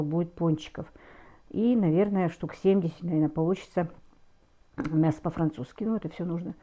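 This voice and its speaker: A middle-aged woman with a fairly low, very soft-edged mellow voice talks casually as a home cook. She speaks in a halting way, searching for words and rephrasing as she explains. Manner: halting, with hesitant self-corrections. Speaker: home cook taking food orders, vlogger. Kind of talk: casual cooking vlog chat.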